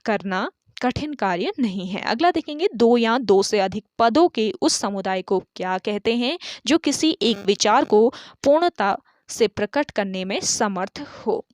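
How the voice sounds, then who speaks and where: A woman's voice: a little high, expressive, measured pace, darkish tone, dry recording, clean studio sound. A woman teacher going through an exam paper one question at a time. She reads each question, repeats it, then gives the answer. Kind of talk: online exam paper solution lesson.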